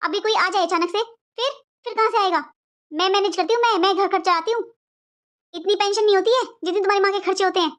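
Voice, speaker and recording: A woman playing a scheming, sharp-tongued sister-in-law who taunts and argues in a family drama. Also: very high voice, fast, slight background noise. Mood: defensive.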